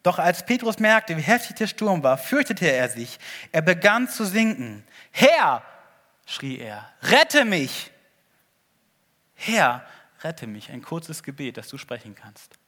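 Earnest preacher man, fairly high voice. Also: very animated, moderate pace. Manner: earnest, swings from loud appeals to hushed asides. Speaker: pastor. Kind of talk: sermon.

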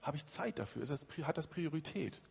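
Male preacher, high voice, husky, lively sermon delivery. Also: brisk, long reverb tail. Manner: animated, shifting between loud emphasis and hushed lines.

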